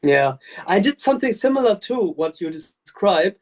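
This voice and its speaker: A man's voice: sits high, big pitch swings, moderate pace, darkish tone. A man in a casual spiritual discussion on a podcast, talking candidly and laughing often as he tells stories. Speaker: podcast participant.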